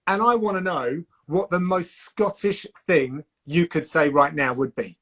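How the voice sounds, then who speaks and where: A man with a fairly high voice hosts a casual streamed interview. He asks questions with a playful, teasing edge. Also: a little slow, fairly bright tone. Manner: teasing, jokey.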